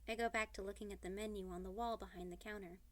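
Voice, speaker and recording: A woman reading a young adult novel aloud in the first person, with an expressive, playful delivery. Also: medium pitch, fast talker. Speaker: audiobook reader.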